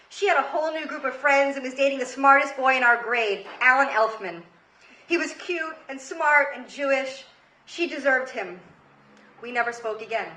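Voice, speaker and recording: Her voice is high, bright and pushed: an American woman in her thirties from Queens, telling a comic story on stage with a dramatic, emphatic style. She works as a comedy storyteller and show host. The recording has a live, roomy sound and faint noise.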